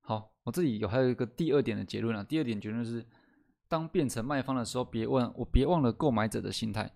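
A man hosting a podcast lesson, explaining step by step, often asking "right?" and slowing down to stress key words. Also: mid-range voice, gravelly, a little mellow. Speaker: host teaching sales skills. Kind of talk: solo podcast lesson with slides.

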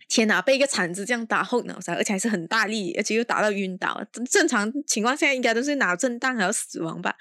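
A woman's voice: mid-range voice, no echo, clean studio sound. A woman hosting a casual film review podcast. She talks in an exasperated, sarcastic way and drops in English exclamations. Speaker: podcast host.

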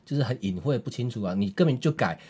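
A man with a Taiwanese Mandarin accent co-hosting a podcast, teasing his bandmate with quick wisecracks. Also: medium pitch, animated, mellow, husky. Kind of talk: casual banter.

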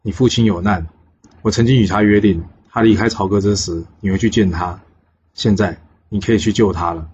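A man voicing a calm, wise old male immortal master who gives instructions to his pupil. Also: on the low side, brisk, lightly acted. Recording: dull lo-fi with faint hiss.

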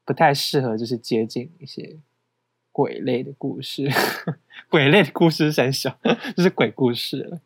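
A man's voice: mid-range voice, normal speed, slightly rough, no room sound. A young man with a Taiwanese Mandarin accent, co-hosting a podcast in casual, self-mocking chat. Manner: chatty, self-mocking, laughs often. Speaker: podcast co-host.

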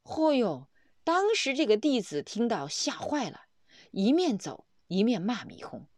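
A woman reads a devotional Buddhist story aloud, full of exclamations. Her pitch moves in wide, lively swings. The recording is close and dry. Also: a little slow, no echo. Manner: animated storytelling, frequent exclamations. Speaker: reader of a Buddhist text.

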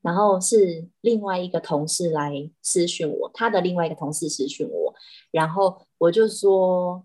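A woman's voice: fairly low pitch, normal speed, dark tone. A woman, an animal communicator chatting as a podcast guest. She tells stories animatedly, with frequent restarts. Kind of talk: casual podcast chat.

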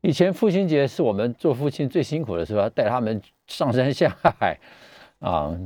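A middle-aged man with a Taiwanese Mandarin accent hosts a live radio health talk as a physician, explaining in a measured way with pauses and speaking through a face mask. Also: medium pitch, animated, dark tone, dry recording. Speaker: radio show host and family physician. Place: radio studio.

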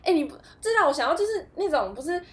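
A woman talks fast in a fairly high voice that swings widely in pitch. She chats casually, animated and quick to laugh, reacting dramatically. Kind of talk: casual chat.

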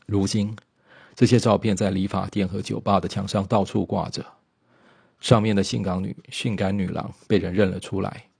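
Low gravelly male documentary narrator. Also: moderate pace, no echo. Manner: steady storytelling with small slips.

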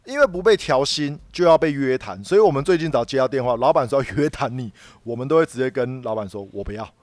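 A man's voice: medium pitch, lively intonation, fast, slight background noise. A man with a Taiwanese Mandarin accent, co-hosting a casual podcast chat and telling a long work story that circles back on itself, with many repeated words. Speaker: podcast co-host.

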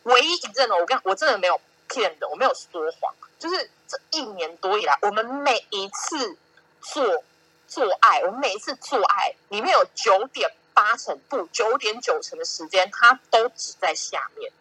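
A woman's voice: mid-range voice, normal speed, breathy edge, dry recording, poor audio. A young woman with a Taiwanese Mandarin accent, hosting a casual podcast chat and telling stories animatedly, acting out what people said. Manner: animated storytelling, acting out quoted lines, laughing often. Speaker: podcast host.

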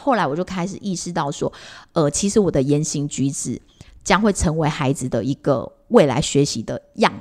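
A mother, co-hosting a casual chat and recounting family moments with lots of restarts. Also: fairly low pitch. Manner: animated, lots of fillers and restarts. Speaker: podcast co-host and mother.

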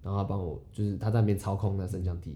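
A man's voice: deep voice, very fast, a little hiss or hum. A young man with a Taiwanese Mandarin accent, telling a story in a casual podcast chat as host. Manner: rambling, animated storyteller.

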